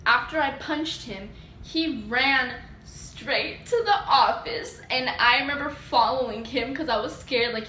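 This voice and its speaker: A woman's voice: a little high, sharp tone, a little hiss or hum. A teenage girl casually telling a story to camera, chatty and full of "like", acting out quotes with sass. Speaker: storytime vlogger. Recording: echoey room.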